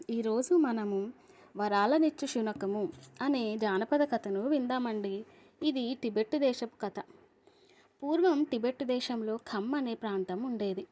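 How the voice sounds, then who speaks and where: A woman with a slightly high voice reads a folk tale aloud as an audiobook storyteller. She speaks to her listeners as friends, in an easy, friendly storytelling manner. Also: darkish tone.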